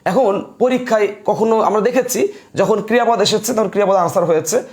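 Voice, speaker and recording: A man's voice: high voice, fairly quick, darkish tone. A man with a Bangladeshi Bengali accent teaching a grammar class, dictating notes, quizzing his students and repeating each point.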